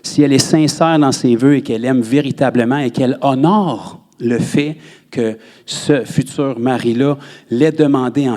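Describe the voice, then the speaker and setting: A man with a Québécois French accent, preaching a sermon in a church and jumping up in pitch on words he stresses. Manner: animated preaching, rises sharply on emphasized words. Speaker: pastor.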